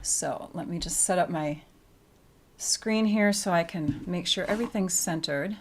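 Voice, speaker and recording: A woman's voice: on the low side, a little slow, slight background noise. A woman giving a casual paper-craft tutorial, chatty and explaining each step with frequent fillers.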